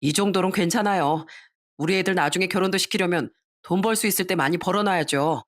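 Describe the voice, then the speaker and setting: A woman's voice: fairly low pitch, fast, natural voice. A woman voicing a weary, sick middle-aged son who speaks in a subdued, apologetic way. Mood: tired.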